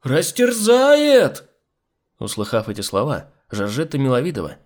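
A man reading a first-person audiobook as narrator. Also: mid-range voice. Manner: lively first-person storytelling. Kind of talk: scripted narration.

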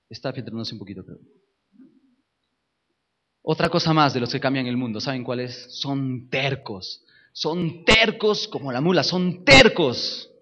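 A man's voice: medium pitch, animated, unhurried, long pauses, fairly bright tone, lo-fi sound. A man preaching a sermon with emphasis, repeating key phrases and putting questions to his listeners.

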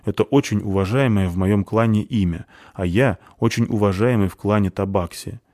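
A man's voice: lowish voice, moderate pace, a little mellow, dry recording, clean studio sound, close to an everyday voice. A man voicing a young cat-folk boy who grumbles and speaks cheekily in an audiobook. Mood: cheeky, grumpy. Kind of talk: audiobook character voice.

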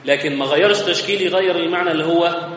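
An Egyptian man with a fairly high voice gives a conversational religious lesson and explains each point step by step. His voice carries a long reverb from a large mosque hall. The recording is slightly muffled, with faint room noise underneath. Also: very fast, a bit bright. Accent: Egyptian Arabic. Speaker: religious teacher.

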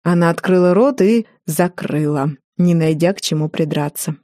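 A woman narrating a first-person audiobook in a wry, lively storytelling manner. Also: fairly low pitch, normal speed, no room sound, clean studio sound.

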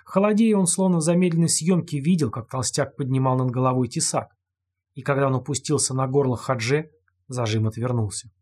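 A man narrates an audiobook with steady, dramatic delivery. His voice is husky and breathy, at an ordinary pitch for a man. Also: fairly quick.

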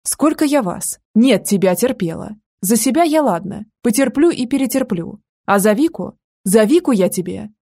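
A fierce, protective older woman storms through the scene in a squealing, scolding voice, as a woman narrator puts her on. It sits higher than the reader's own voice, with a husky, gravelly grain. This is an audiobook reading. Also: animated, normal speed, few pauses, darkish tone. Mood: furious.

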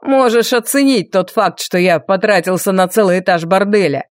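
A woman's voice: medium pitch, moderate pace, no room sound, studio quality, lightly acted. A woman voicing a sneering villainous viscount. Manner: sneering, taunting. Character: cruel mocking male viscount, menacing villain. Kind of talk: audiobook character voice.

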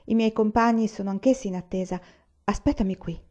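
Brisk earnest revolutionary guy, woman reading, mellow voice, audiobook. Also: mid-range voice, highs cut off, lightly acted. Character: grown man, earnest revolutionary, teasing friend.

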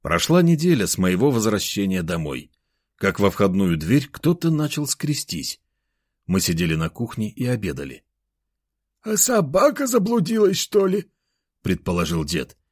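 A man's voice: low-pitched, big pitch swings, normal speed, a little mellow, dry recording, studio quality. A man reading a first-person novel aloud as an audiobook narrator.

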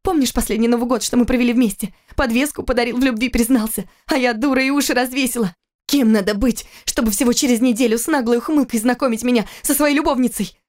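A woman's voice: fairly high pitch, steady tone, fast talker, a little mellow, voice pushed up, close to an everyday voice. A woman reading an audiobook, voicing a furious, bitter young wife and mother who accuses her husband in a raised, heated voice.

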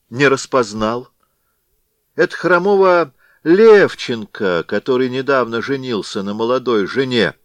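A man's voice: mid-range voice, no echo, voice pushed up. A man voicing a sly, sulky middle-aged male cossack who mutters aggrieved complaints to himself.

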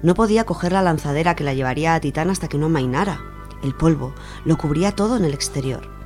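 A woman with a Spanish accent works as a radio storyteller, reading a literary short story aloud over background music. She has a low, darkish voice and talks fast.

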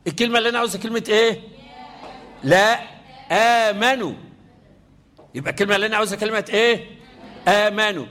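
High-voiced Egyptian recitation teacher. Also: male voice, very fast, long pauses, pushed and bright. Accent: Egyptian Arabic. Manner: quizzes the class with repeated questions, chants verses melodically. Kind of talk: classroom lesson on Quranic recitation rules.

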